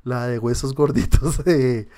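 A podcast co-host, this man speaks with a Colombian accent at a measured pace and medium pitch. He casually discusses movies and shows in an animated, rambling way, laughing and swearing throughout.

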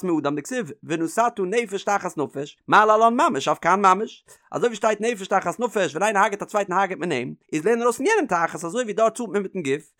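A high-pitched man with a Yiddish accent works through a Talmud passage in a rising and falling study chant. The recording is dry and close, with no room sound. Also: fairly bright tone, no echo. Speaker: Talmud teacher.

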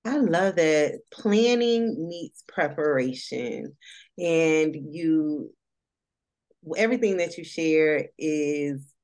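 A woman's voice: sits low, animated, drawn-out words, darkish tone. A woman hosting a social work career podcast, asking questions in an enthusiastic, affirming way. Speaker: podcast host, social worker. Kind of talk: podcast interview.

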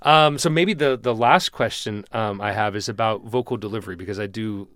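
A man's voice: on the low side, fairly quick, a bit bright, clean tone, dry recording. Hesitant man hosting a studio interview. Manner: hesitant, many ums and restarts. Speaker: interview host. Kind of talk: casual interview. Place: recording studio.

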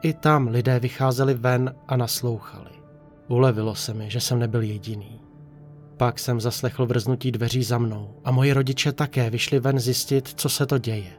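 Calm man narrating a horror story. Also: medium pitch. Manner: calm, measured first-person telling. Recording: narration over faint music.

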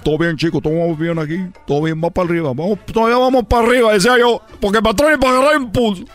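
A man's voice: racing, soft background music, lightly acted. A man doing a squealing baseball player. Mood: boastful. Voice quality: high, squealing delivery. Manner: rambling, shouting catchphrases, laughing at own jokes. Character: excitable boastful male baseball player, adult. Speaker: recurring comedy character on a radio show. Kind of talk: comic radio sketch, rambling tall tale.

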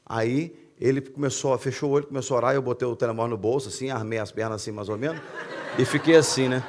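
A man's voice: mid-range voice, fast, noisy background. A man, a pastor from Brazil, preaching in a church service and telling a story with acted-out dialogue and frequent laughs. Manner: animated storyteller, acts out dialogue, laughs often. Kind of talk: sermon storytelling.

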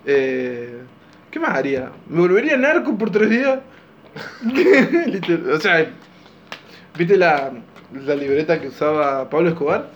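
A man's voice: a little high, very animated, measured pace, lo-fi sound, a little hiss or hum. A young man with a Rioplatense Spanish accent co-hosting a casual podcast, joking around, laughing often and playfully exaggerating. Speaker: podcast co-host. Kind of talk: casual chat.

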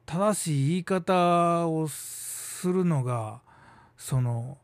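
A man's voice: fairly high pitch, dry recording. Chatty Kansai man, dry close sound. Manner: chatty and musing, with quick asides and drawn-out hesitations. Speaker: theater troupe leader and podcast host. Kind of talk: casual solo radio talk.

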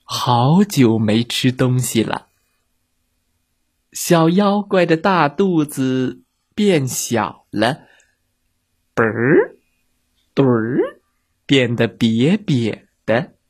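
A man narrating a children's story in a gentle, drawn-out storytelling manner. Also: mid-range voice, sing-song, breathy edge.

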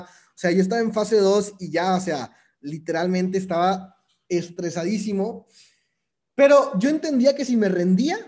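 A young man with a Mexican accent delivers a motivational talk in a loose, slangy way. He sits high in his range with a soft, mellow tone. He stresses his points by saying them twice. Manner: casual, slangy, emphatic with repetition. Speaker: motivational speaker. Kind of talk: motivational monologue.

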